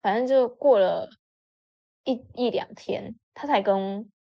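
A woman telling a story in a casual chat with lots of expression, jumping up in pitch when she voices her friends. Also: takes it slowly, vocal fry. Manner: animated, acts out friends' lines with sudden pitch jumps. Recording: dull lo-fi audio.

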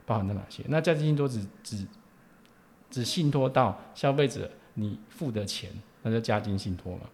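A man's voice: on the low side, moderate pace, a little mellow. A man with a Taiwanese Mandarin accent explaining informally as an expert guest, punctuating phrases with particles and tag questions. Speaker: lawyer, podcast guest.

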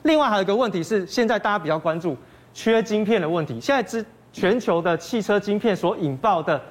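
A man's voice: sits high, animated, quick pace. A man with a Taiwanese Mandarin accent giving financial commentary as a guest analyst, explaining step by step and posing questions he then answers.

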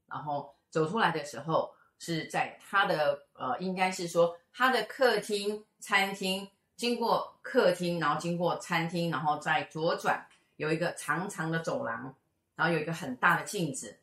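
A middle-aged woman tells a story in a casual chat and briskly acts out the people in it. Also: fairly low pitch. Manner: lively, acts out the voices of people in her stories. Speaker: fortune teller and show co-host. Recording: echoey room.

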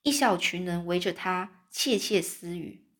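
A woman reading a children's novel aloud, pausing to explain words in friendly asides. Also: lowish voice. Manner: explains words to young listeners, chatty asides. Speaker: storyteller.

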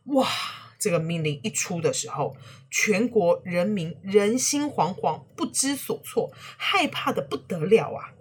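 A woman telling a historical story to children, animated and speaking to the young listeners directly. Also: mid-range voice, unhurried, slight background noise.

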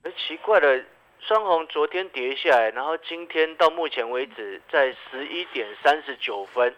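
Animated Taiwanese-accented male market commentator. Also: fairly high pitch, moderate pace, muffled recording. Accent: Taiwanese Mandarin. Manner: animated, keeps asking the listener rhetorical questions. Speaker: radio stock market commentator.

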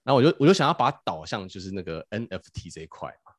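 A man, a podcast host telling a story casually and in an animated way, often restarting his phrases. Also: fairly low pitch, very fast. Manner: animated, acts out quotes, stammers restarts.

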